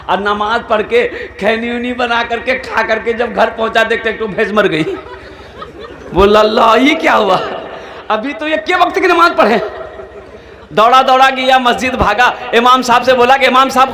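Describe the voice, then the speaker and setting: A man preaches a humorous sermon in a strikingly high, bright voice. He tells village anecdotes, slipping into dialect voices and repeating lines for effect. The sound rings with the echo of a large hall. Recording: echoey hall.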